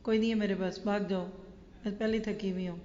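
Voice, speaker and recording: A woman's voice: medium pitch, fairly even intonation, slight background noise, lightly acted. A woman voicing a tired, irritable working mother who speaks sharply, heard in an echoey hall with dull sound. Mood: irritated. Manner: snappish, then softening.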